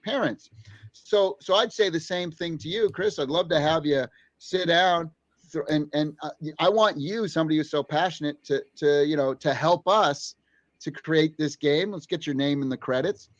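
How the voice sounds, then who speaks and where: A man making a casual, persuasive pitch in conversation, halting and repeating himself earnestly, heard on lo-fi playback. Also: dry recording. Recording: dull, dry, lo-fi played-back audio.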